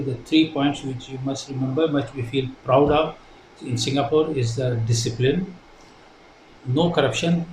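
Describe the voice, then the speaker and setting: An older man from India, a native Hindi speaker with an Indian accent, answers interview questions earnestly but haltingly, with plenty of fillers and restarts. His pitch is medium, and the room sounds echoey with faint background noise.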